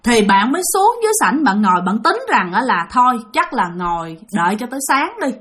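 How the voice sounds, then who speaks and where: A woman's voice: fairly high pitch, very animated, fairly quick, a bit bright. A woman with a Southern Vietnamese accent narrating a ghost story, chatty and talking straight to her listeners. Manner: chatty, addresses listeners directly.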